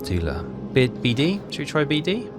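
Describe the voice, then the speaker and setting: Over background game music, a video game player narrates a casual let's play, mumbling and second-guessing himself aloud. His fairly high voice swoops wildly in pitch at a normal speed.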